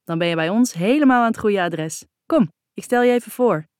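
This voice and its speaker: A woman voicing a cheerful, warm young man who talks in a friendly, lively way. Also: a little fast, no room sound, studio quality, close to an everyday voice. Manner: friendly, lively, raised pitch.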